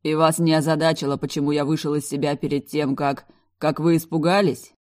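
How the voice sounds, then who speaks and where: A domineering, sneering man in an audiobook, read by a woman who talks down to everyone with cold arrogance. The voice sits low and dark, with a mellow, unhurried weight behind the mockery. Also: level tone, close to an everyday voice. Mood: haughty. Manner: haughty, sneering, rude. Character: arrogant mocking adult man, domineering bodyguard type. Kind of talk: audiobook character voice.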